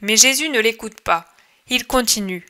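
A woman reading a religious text aloud as audiobook narration, in a measured, expressive manner. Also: fairly high pitch. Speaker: audiobook reader.

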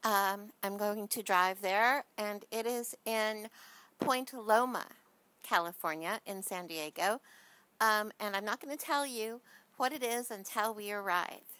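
A woman's voice: mid-range voice, measured pace, sharp tone, no room sound. A woman vlogger narrating casually from her car, chatty and enthusiastic.

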